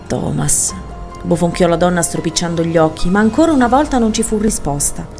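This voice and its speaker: A woman reads a novel aloud in a fairly low voice, measured and expressive. Faint music plays softly beneath her narration. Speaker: audiobook reader. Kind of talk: literary audiobook narration.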